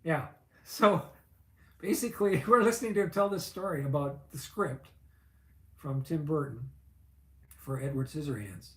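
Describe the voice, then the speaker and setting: A man's voice: fairly high pitch, moderate pace, pauses often, roomy sound. A man in his fifties, a vlogger, telling a long personal story in a chatty, rambling way full of fillers and asides. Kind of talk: casual storytelling.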